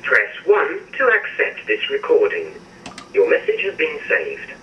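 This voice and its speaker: A man's voice: on the high side, huge pitch swings. An automated male voice reading voicemail menu prompts, heard over a landline phone. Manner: measured, recorded menu announcements. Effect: heard over a landline phone handset. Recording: muffled, distant landline phone audio with faint hiss.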